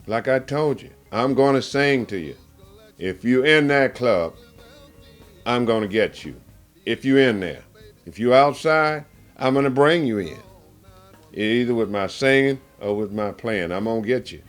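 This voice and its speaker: Speaking in a mid-range, expressive voice at a slightly slow pace, a man who sings and plays blues guitar gives a casual interview. His manner is emphatic, colloquial and demonstrative.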